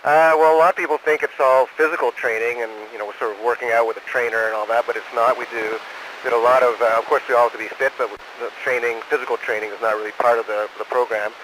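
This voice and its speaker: A man, an astronaut, answering questions in an unscripted, halting way over a space radio transmission. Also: mid-range voice, fairly even intonation. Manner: halting, saying "over" after each answer. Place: aboard the space station. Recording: noisy space-to-ground radio link.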